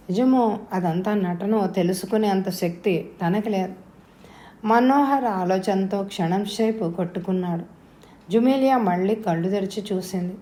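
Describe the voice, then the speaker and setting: Mellow woman narrating an audio novel. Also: medium pitch. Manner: steady, measured storytelling. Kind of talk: scripted narration. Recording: roomy echo.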